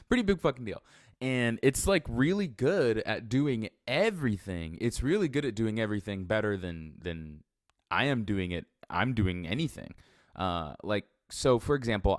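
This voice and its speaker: A man's voice: deep voice, dry recording, studio quality. A man talking casually and unscripted, in a blunt, self-deprecating way with frequent swearing, recorded in a sparsely furnished room. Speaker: first-time solo podcaster or vlogger. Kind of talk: unscripted casual rambling monologue.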